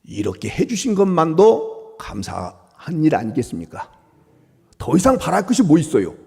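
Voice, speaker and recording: A male pastor delivers a sermon in a church sanctuary, dropping to hushed murmurs and then rising to loud, high exclamations. His voice is gravelly and husky, with a very lively pitch, and long hall reverb hangs on every phrase. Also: normal speed. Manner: dramatic swings from soft murmurs to loud exclamations; acts out quoted speech of God and the people.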